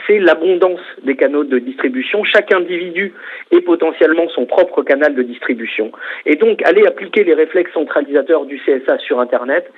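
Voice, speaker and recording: A man speaking as an internet rights activist in a recorded interview clip, arguing his point bluntly over a tinny phone line. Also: on the high side. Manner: argumentative, blunt.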